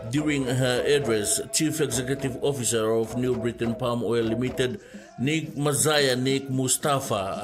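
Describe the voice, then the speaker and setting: A male reporter reading a scripted news report in a measured, formal way. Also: medium pitch, poor audio.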